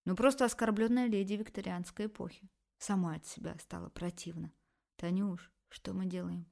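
A woman with a low-pitched voice narrating a first-person erotic novel as an audiobook. Her reading is expressive and emotional, leaning into every feeling of the heroine. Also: moderate pace, creaky.

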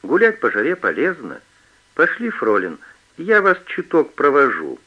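Male narrator voicing a menacing young thief, sneering to hissed threats, lively pitch, muffled audiobook. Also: unhurried, husky, exaggerated voice. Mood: mocking.

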